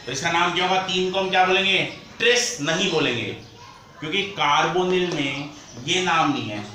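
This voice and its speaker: Male chemistry teacher, bright and slightly high voice, drills terms by repeating them; roomy, distant mic. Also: a little hiss or hum. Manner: repeats key terms slowly, asks the class questions. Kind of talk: whiteboard chemistry lesson. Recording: echoey room, voice from off-mic.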